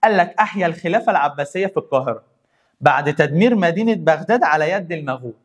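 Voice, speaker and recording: A young man with an Egyptian Arabic accent teaching a history lesson, telling it as a lively story and repeating key points. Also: a little high, racing. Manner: animated storyteller, repeats points and chants rhyming memory lines. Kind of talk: energetic classroom history lesson.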